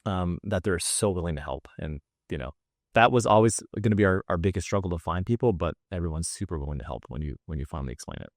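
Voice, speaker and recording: Male co-host, quick delivery, lowish pitch, anecdotal and relaxed. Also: dry recording, studio quality. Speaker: podcast co-host. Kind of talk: casual storytelling.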